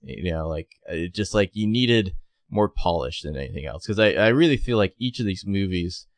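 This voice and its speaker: A man's voice: sits low, expressive, moderate pace, no echo. A man co-hosting a casual film discussion in an informal, jokey way. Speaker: podcast co-host.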